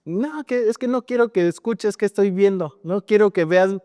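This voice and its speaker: A man voicing an angry little boy who stubbornly shouts to guard his cartoons, in the middle of a sermon. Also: sits high, moderate pace, clear, resonant tone, no room sound, clean studio sound, in a large hall, close to an everyday voice. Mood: stubborn, whiny.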